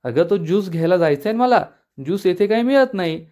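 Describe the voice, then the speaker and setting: Brief: stubborn boastful old man, voiced by a man, brushes off worry, slightly high voice. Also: expressive, fairly quick, darkish tone.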